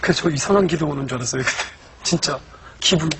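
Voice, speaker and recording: High-voiced man giving an emotional testimony. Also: fast talker, noisy background. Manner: earnest, emotional storytelling, swings from hushed to loud. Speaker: church deacon giving testimony.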